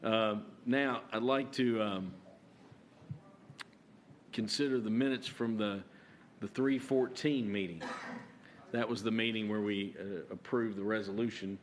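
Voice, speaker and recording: Halting man chairing a meeting. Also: fairly low pitch, fairly even intonation, slight background noise. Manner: halting, with many filler "uh"s and restarts. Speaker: county judge chairing a fiscal court meeting. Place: county meeting chamber.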